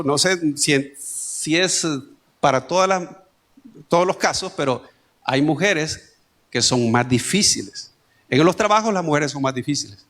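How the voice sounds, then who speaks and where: A man's voice: fairly high pitch, fairly bright tone. A male pastor with a Salvadoran Spanish accent, preaching a sermon in a conversational way with homely stories and asides. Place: church.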